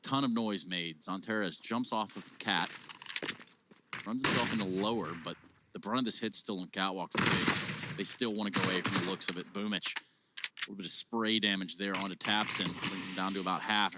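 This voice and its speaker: A man's voice: sits low, fairly even intonation, fairly quick. A man working as an esports co-caster, giving conversational analysis during live match commentary. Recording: loud game noise with gunfire behind.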